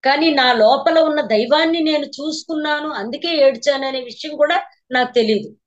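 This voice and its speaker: In a slightly dull lo-fi recording, a meditation teacher speaks to her class in a high voice, a little fast. She shares her story earnestly in a spiritual talk, repeating phrases for emphasis.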